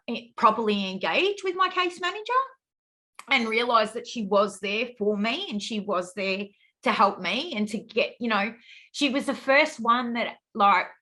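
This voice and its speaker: A middle-aged woman, a webinar guest telling her own story on a video call, halting and tearful, with many restarts. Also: medium pitch, pushed and bright, poor audio. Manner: halting and emotional, frequent restarts and fillers. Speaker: guest speaker with lived experience. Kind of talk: personal story in a webinar interview.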